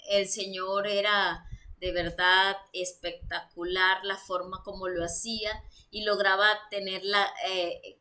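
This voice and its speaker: Colombian Spanish woman, church teacher, crisp bright tone, lecture reading with unscripted asides. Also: medium pitch. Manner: reads points then explains them with fillers.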